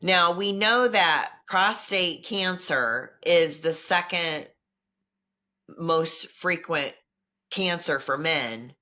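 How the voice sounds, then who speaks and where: A woman hosting an interview, asking questions and explaining in a measured way. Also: on the low side, bright, forceful tone. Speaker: host.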